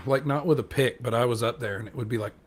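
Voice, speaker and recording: A man's voice: mid-range voice, fast, over music. A man on a podcast telling a rambling, self-deprecating story in casual chat, acting out what other people said. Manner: acts out quoted dialogue. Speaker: podcast co-host.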